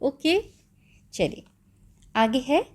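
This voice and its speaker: Brief: Indian woman teacher, slightly high voice, unhurried delivery, quizzes kids then answers herself. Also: animated. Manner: asks the children questions and answers them herself; switches between Hindi and English, reading each line then explaining it. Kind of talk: explaining a school maths lesson.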